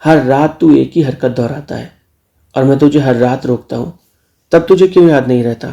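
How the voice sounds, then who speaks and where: A man's voice: medium pitch, moderate pace, vocal fry, mellow, highs cut off, lightly acted. A man voicing a bossy, teasing middle-aged uncle in a spoken story. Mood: scolding. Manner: teasing, scolding.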